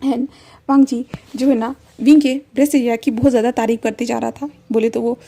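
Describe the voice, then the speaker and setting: A woman's voice: a little high, level tone, a little fast, dark tone. A woman narrating a fan-fiction story in a chatty way, full of fillers and mixed-in English words.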